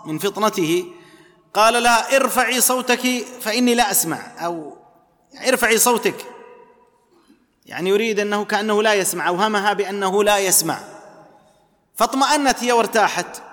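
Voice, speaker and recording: High-voiced preacher in a reverberant hall. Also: male voice, fairly bright tone. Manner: explanatory, repeats key phrases. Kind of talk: religious lesson.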